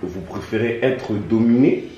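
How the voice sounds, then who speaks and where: Man, moderator, brisk and probing, low voice, echoey room, music behind. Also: mellow, lo-fi sound. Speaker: date moderator. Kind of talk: asking interview questions.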